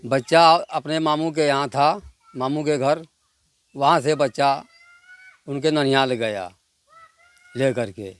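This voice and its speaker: A man's voice: mid-range voice, slow pace, long pauses, clean tone, no room sound. A man being interviewed, insistently denying everything. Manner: defensive, insistent denial.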